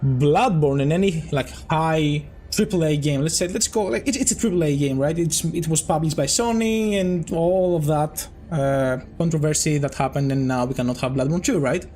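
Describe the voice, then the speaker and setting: Chatting with viewers as he plays, this game developer rambles and frequently corrects himself, his Greek accent bearing a slight British tinge. His fairly high voice has a darkish tone and moves at a moderate pace with hardly any pauses.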